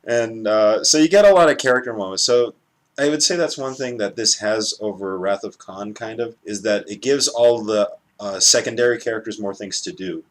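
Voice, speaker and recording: A man's voice: lowish voice, normal speed, rough recording. A man hosting a casual film review chat, rambling a little and restarting his sentences. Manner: rambling, restarts, laughs often.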